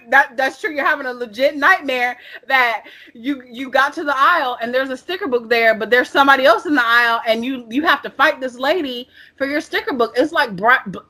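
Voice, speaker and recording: A woman co-hosts a podcast in loose, casual chat. Her voice sits a little high, and she talks in an animated, playful way, throwing in slang and drama. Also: fairly quick. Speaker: podcast co-host.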